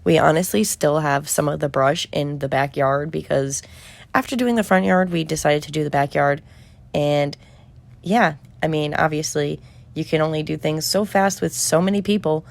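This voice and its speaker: Young woman doing a vlog voiceover, lowish voice with lots of vocal fry, casual and wry. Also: normal speed. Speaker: vlogger.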